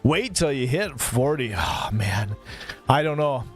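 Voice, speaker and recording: With faint music playing behind him, this mid-thirties streamer talks slowly but animatedly in a mid-range voice. He drifts between subjects during the casual live stream and gives shout-outs to viewers by name.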